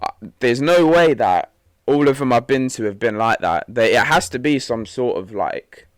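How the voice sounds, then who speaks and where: Slangy young man, lively pitch. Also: moderate pace, no room sound, studio quality. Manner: slangy, laughs often, trails off mid-sentence. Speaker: podcast co-host. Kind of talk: casual chat.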